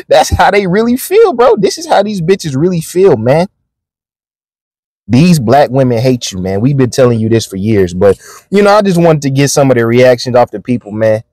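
A man's voice: medium pitch, big pitch swings, normal speed, darkish tone, no room sound. A man giving casual, mocking reaction commentary, blunt and heavy with profanity. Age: adult, a father. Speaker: religious commentator.

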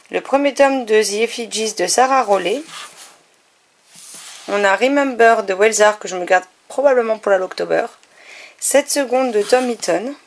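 A woman's voice: on the high side, a little hiss or hum. A woman vlogger chatting casually through a bookshelf tour, listing titles and often correcting herself, a little short on sleep. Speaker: book vlogger.

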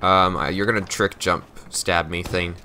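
A man's voice: low-pitched, steady tone, normal speed, pushed and bright, slight background noise. A young man playing a game with a friend, laid-back and joking, laughing often. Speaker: gamer and guest. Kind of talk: casual gaming chat.

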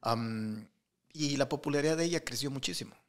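A man's voice: mid-range voice, fairly quick. A middle-aged man telling anecdotes in a casual interview, with lots of fillers and restarts. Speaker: interview guest, entrepreneur. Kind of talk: casual storytelling.

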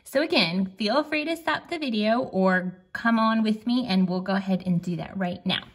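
A woman teacher giving a gentle drawing and phonics lesson for young children, sounding out letters slowly. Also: medium pitch.

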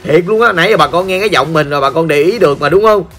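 Gaming host: hoarse Southern Vietnamese man, high and sharp-toned, playful chatty commentary. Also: racing. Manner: playful, joking, talks straight to viewers. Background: faint background music.

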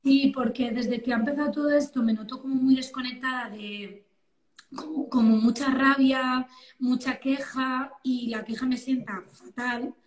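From her sofa at home, a woman in her thirties from Valencia, Spain, joins a phone video call as an interview guest, chatting casually and exclaiming with lots of energy in her Spanish accent. Her voice is high and moderately paced. The arm's-length phone gives the live stream a roomy echo.

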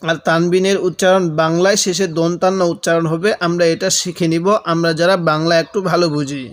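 A man teaching Quran reading, drilling letter sounds slowly and asking listeners to repeat after him. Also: on the high side, flat delivery. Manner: drills letters aloud with repetition, asks viewers to repeat. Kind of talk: slow step-by-step recitation lesson.

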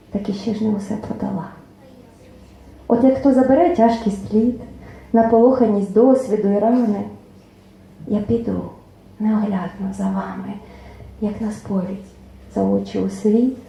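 A woman reads her own poems aloud at a book launch in a club hall, expressive and measured, letting line endings fade into almost a whisper. Her voice is dark and mellow with a gravelly edge. The hall is very echoey, with faint room noise behind her. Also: medium pitch. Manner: expressive recitation, lines trailing off softly, nearly whispered. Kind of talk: poetry reading at a book presentation.

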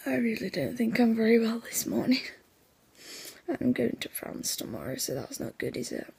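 A young woman chatting casually in a vlog, her voice hoarse and nearly gone, half-whispering and sleepy, rambling with lots of fillers. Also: fairly high pitch, sing-song, moderate pace, dark tone, slight background noise. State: sleepy, yawning. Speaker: vlogger.

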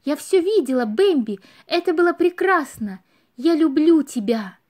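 A woman's voice: sits high, expressive, normal speed, darkish tone, voice pushed up. A woman voicing a playful, teasing young female deer in a storybook reading, light in tone. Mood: delighted.

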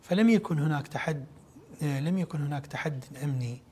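A middle-aged man with an Iraqi Arabic accent giving a formal television interview in a measured, halting way with pauses. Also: a little high, mellow, slight background noise. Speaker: interview guest, official. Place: large indoor lobby, seated interview. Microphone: lapel microphone.

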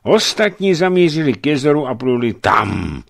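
A man's voice: medium pitch, sing-song, vocal fry, voice pushed up. A man voicing a simple, timid male servant who halts and stammers with "eh" between words. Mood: hesitant. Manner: halting, full of "eh" fillers.

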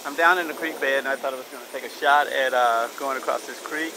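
A man's voice: mid-range voice, steady tone, quick pace. A middle-aged man casually narrating his bike ride outdoors on a wooded creek trail, rambling and chuckling a little nervously, recorded on an action camera. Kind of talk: casual narration while cycling. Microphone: helmet or handheld action camera. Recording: outdoor camera mic with clear wind and road noise.

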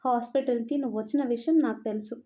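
A woman's voice: a little high, steady tone, fast talker, warm tone, lightly acted. A woman voicing a tearful young wife. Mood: tearful scolding. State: crying. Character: frightened young wife, pleading then scolding. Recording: dull lo-fi narration recording.

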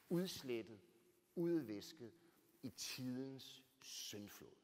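Danish man telling a story in a church. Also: mid-range voice. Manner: animated, swinging from loud bursts to near-whispers; rhetorical, keeps adding "right?". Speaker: author giving a talk. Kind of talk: personal storytelling talk. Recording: long church reverb.

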